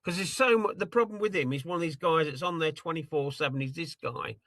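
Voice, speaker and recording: A man with a somewhat high voice walks people through a tool on a video call. He rambles and apologizes as he hunts around his screen, and his sound is close and dry with no room around it. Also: fairly quick, fairly bright tone, no echo. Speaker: attendee demonstrating a tool. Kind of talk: casual screen-share demo on a video call.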